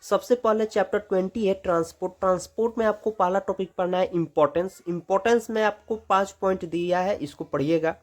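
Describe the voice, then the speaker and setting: A male teacher giving a brisk exam-prep lesson in Hindi, repeating short instructions as he goes page by page. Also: high voice.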